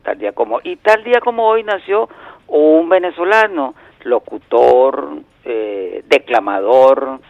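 A man's voice: mid-range voice, lively intonation, a little slow, vocal fry, dry recording. Older man chatting over a dull phone line. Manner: chatty, rambling anecdotes with wordplay. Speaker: regular phone-in contributor. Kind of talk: casual radio chat by phone. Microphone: telephone.

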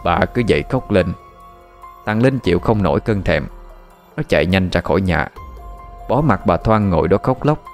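A man tells a dark tale, his low voice rising and falling a good deal. The storytelling is steady and dramatic. Faint music sits behind him.

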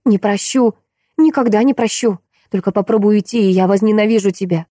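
A woman's voice: mid-range voice, fast talker, dark tone, no room sound, clean studio sound, voice pushed up, lightly acted. A woman voicing a passionate young woman who pleads and argues in a raised, trembling voice. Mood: desperate. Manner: raised, trembling pleas and angry outbursts.

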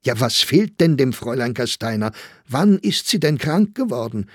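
A man's voice: mid-range voice, unhurried, creaky, breathy edge, dry recording, clean studio sound. A man voicing an anxious, fussy male poet who cries out in alarm, read from a storybook. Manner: agitated, pleading outcries.

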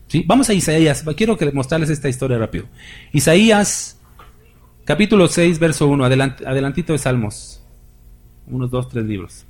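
Male pastor, fairly high voice, emphatic sermon delivery with scripture readings. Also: expressive, normal speed, darkish tone, husky. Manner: emphatic preaching, rising for scripture, addresses congregation as brothers.

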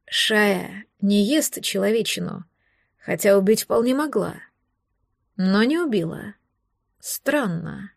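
A woman's voice: medium pitch, moderate pace, vocal fry, a little mellow, no echo. A woman voicing a mysterious sardonic man in an audiobook, speaking in a dry, musing, condescending way. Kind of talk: audiobook reading.

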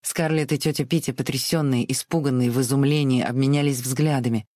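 An audiobook narrator reading a novel in a measured, expressive way. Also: mid-range voice, no echo, clean studio sound. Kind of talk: literary narration.

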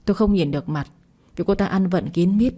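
A woman voicing a worried young husband searching for his missing wife in a spoken story, in her own low reading voice. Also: brisk, dark tone, lightly acted. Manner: anxious, pleading.

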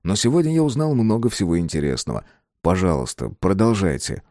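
A man's voice: low voice, wildly swooping pitch, brisk, mellow, no echo, clean studio sound. A male audiobook reader voicing a polite, slightly baffled man at a book club who speaks with wry courtesy.

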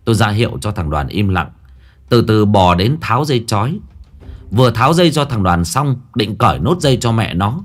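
Low-voiced man telling a ghost story. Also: fairly quick. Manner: lively, dramatic telling.

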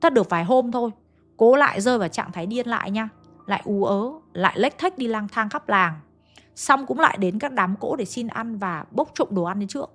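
A woman's voice: on the high side, lively intonation, brisk, faint music behind. A woman narrating a ghost story, chatting directly to her listeners.

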